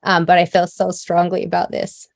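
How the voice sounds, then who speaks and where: A woman's voice: lowish voice, monotone, moderate pace, gravelly, no echo, clean studio sound. A woman co-founder wrapping up a video call with her team, heartfelt and tearful as she thanks them. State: teary. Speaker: business co-founder.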